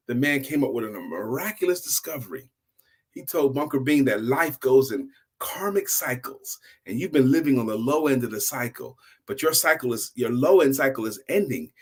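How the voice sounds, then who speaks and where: Animated and at normal speed, a middle-aged man with a medium-pitched voice and a breathy edge leads a casual motivational storytime. As a host who coaches sales and speaks professionally, he leans on repeated key phrases the way an experienced speaker does.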